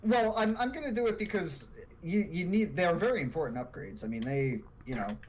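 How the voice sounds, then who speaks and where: Animated man chatting on a podcast. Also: fairly high pitch, a little fast, slight background noise. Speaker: podcast co-host. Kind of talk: casual chat.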